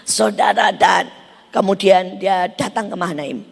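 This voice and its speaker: A woman preacher delivering a fiery sermon, swinging from loud shouted bursts down to near whispers. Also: mid-range voice, a little slow, gravelly, breathy edge, big-room sound. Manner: fierce, loud bursts then sudden drops to near whisper.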